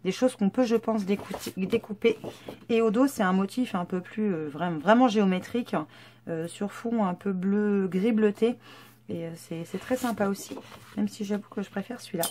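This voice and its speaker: A woman's voice: medium pitch, normal speed, warm tone, slight background noise. A woman vlogger casually presenting scrapbooking papers, chatty and hesitant with many fillers. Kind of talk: casual haul show-and-tell.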